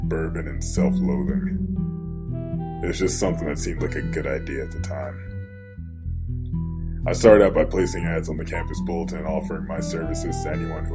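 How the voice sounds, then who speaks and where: A young man narrating his own story in a dry, deadpan and wry manner. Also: a bass voice. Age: young adult. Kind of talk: scripted first-person narration. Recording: guitar music under the voice.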